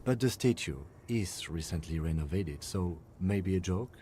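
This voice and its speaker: A male actor playing a calm, observant police lieutenant in a video game, measured and matter-of-fact. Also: sits low, slight background noise. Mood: calm, analytical. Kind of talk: video game character acting.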